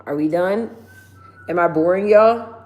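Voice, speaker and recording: A woman's voice: fairly low pitch, measured pace, muffled recording. A woman in her thirties chatting casually with viewers on a livestream from her mother's house, rambling with lots of fillers and slang. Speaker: livestream host.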